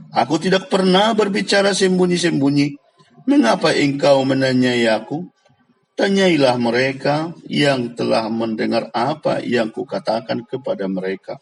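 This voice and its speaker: A man reading the words of Jesus, a calm grown man answering his accusers, in a steady, solemn way. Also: on the high side, vocal fry.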